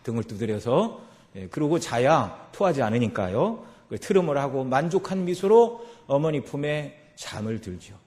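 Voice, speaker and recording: A man's voice: mid-range voice, very animated, normal speed, a little mellow. A male pastor delivering a Sunday afternoon sermon in a conversational way, often dropping in short affirmations between points. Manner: conversational preaching with frequent filler affirmations. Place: church sanctuary.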